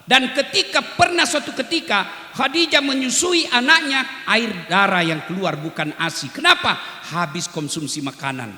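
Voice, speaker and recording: A man preaching a lively sermon, switching between loud exclamations and slow, hushed recitation. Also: extremely high pitch. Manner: animated, swings from shouting to slow hushed recitation and singing. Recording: echoey hall, long reverb.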